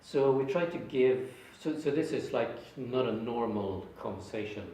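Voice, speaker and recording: A man's voice: mid-range voice, normal speed, dark tone. A male teacher leading a Socratic-style session, asking probing questions and often restarting his sentences. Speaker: teacher leading a reasoning exercise. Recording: very echoey room, distant mic, faint hiss.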